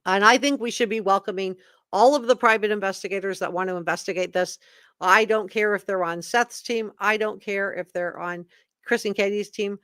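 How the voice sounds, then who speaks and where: Female livestream host, mid-range pitch, emphatic and opinionated, reads documents aloud and comments informally, dry sound. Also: fairly even intonation, moderate pace, a bit bright, clear, resonant tone, dry recording. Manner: emphatic, repeats key words for effect; opinionated, informal asides between read passages. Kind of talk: live commentary, reading statements aloud to chat.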